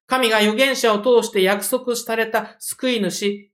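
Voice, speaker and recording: A preacher voicing a blind male beggar who cries out insistently for mercy, a little higher and louder than the sermon voice. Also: fairly even intonation, unhurried, lightly acted. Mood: humble pleading. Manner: pleading, raised insistent cries.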